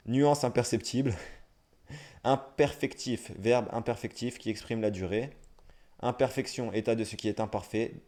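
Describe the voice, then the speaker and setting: Streaming live, a young man with a mellow, medium-pitched voice moves briskly through dictionary entries. Every so often he stops to make a dry joke at his own expense.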